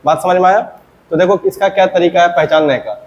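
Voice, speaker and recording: A man teaching English grammar in a classroom lesson. He often asks a question, answers it himself in a lower voice, and checks whether the class has understood. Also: fairly even intonation, a little fast, muffled recording. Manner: asks questions then answers them himself, dropping low on the answers.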